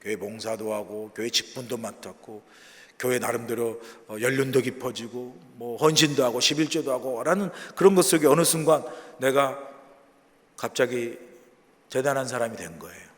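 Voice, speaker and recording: A man preaching an early-morning sermon as pastor, earnest and animated, asking the listeners questions. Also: medium pitch, moderate pace, long reverb tail. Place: church.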